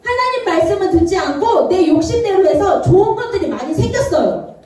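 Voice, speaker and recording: A female children's Sunday school preacher gives a lively children's sermon in a church worship room, acting out Bible characters in different voices and asking the kids questions. Her voice is very high-pitched and a little fast, playful and animated. She's recorded far from the mic, so the hall sounds roomy and echoey, with faint ambience and slight background noise.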